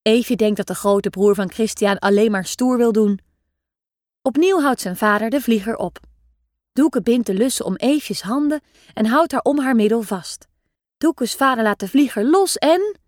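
A woman reading a children's story aloud in a lively, expressive way. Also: a little high, unhurried, dry recording, studio quality.

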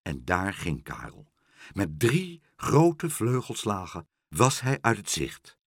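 A man reading a children's story aloud as narrator, calm and expressive. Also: on the low side, takes it slowly, gravelly, slightly rough, no echo, clean studio sound.

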